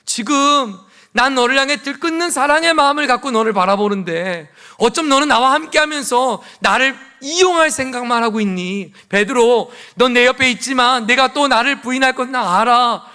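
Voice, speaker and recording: Jesus, urgent and tender, as a pastor puts him on. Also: male voice, very high-pitched, moderate pace, pushed and bright, smooth, voice pushed up. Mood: urgent pleading. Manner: pleading, urgent questioning. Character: Jesus, tender but urgent male teacher confronting disciples.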